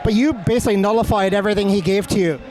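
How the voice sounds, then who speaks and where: After a fight, a sports interviewer chats in a friendly, complimentary way, explaining things as he goes. His high, darkish voice moves very fast, the recording is rough, and faint urban noise hums behind him.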